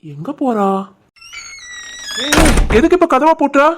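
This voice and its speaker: A woman voicing a young husband and shopkeeper, teasing but caring, with a Tirunelveli Tamil accent in an animated family story. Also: high-pitched, takes it slowly, noisy background, heavily acted. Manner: teasing banter, turns soft and worried.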